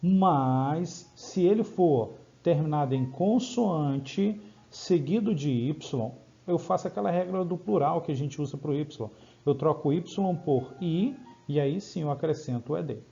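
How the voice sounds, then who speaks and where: A Brazilian man teaching English grammar in Portuguese, explaining rules step by step and checking in with quick questions. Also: fairly high pitch, vocal fry, warm tone, muffled recording, soft background music. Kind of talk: grammar lesson over slides.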